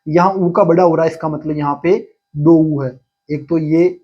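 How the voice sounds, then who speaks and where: A male teacher explaining a lesson in Hindi, slowly repeating key terms and answering his own questions. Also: a little high, steady tone, slightly rough, highs cut off. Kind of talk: exam-prep lesson.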